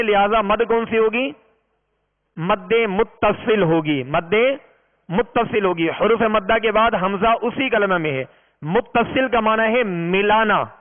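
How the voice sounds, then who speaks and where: Slow, high-voiced man teaching recitation. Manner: patient, explains step by step, drawls out long vowels in recitation. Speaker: Quran reading teacher. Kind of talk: recorded tajweed lesson. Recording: tinny, reverberant lo-fi recording.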